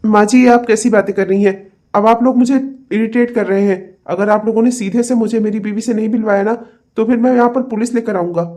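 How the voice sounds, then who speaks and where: A man's voice: high voice, fairly even intonation, a little fast, dark tone, natural voice. A man voicing a self-satisfied, busy rich husband in a cartoon, breezy and demanding. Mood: irritated.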